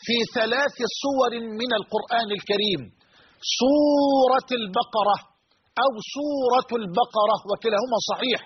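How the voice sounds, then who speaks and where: A man's voice: very high voice, husky. A man giving a religious lecture as a preacher, speaking emphatically and repeating key phrases. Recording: dull lo-fi recording with faint noise.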